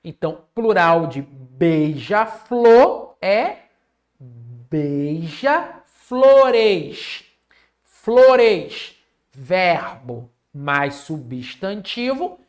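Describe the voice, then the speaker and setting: Man, exam-prep teacher, lively pitch, slow delivery, jokey, repetitive check-ins. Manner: jokey, chats with viewers. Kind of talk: live online class.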